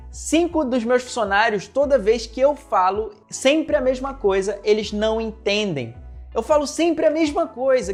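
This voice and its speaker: A man coaching in neurolinguistic programming gives an online lesson through personal stories, speaking straight to the listener and acting out the dialogue. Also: sits high. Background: faint background music.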